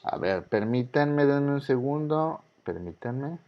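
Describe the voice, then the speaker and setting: A man's voice: medium pitch, animated, slow pace. Man, Mexican accent, teacher, patient and repetitive, dull lo-fi sound. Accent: Mexican Spanish. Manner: patient, repeats key rules, asks students questions. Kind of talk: online class lecture. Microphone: video call.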